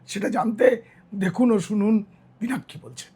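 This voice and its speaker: A middle-aged man delivers political commentary in a hoarse, tired voice that sits very high. The sound is raspy and worn, yet he keeps talking earnestly and directly to his audience. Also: moderate pace, dark tone. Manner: earnest, direct address to viewers. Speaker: journalist and commentator.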